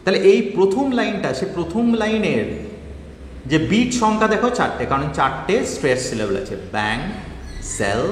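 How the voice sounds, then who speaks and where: A man's voice: high-pitched, big pitch swings, normal speed, a little hiss or hum. A man explaining poetic devices to students step by step, calling them guys. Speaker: English literature teacher. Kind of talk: online poetry lesson. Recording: echoey room with long reverb.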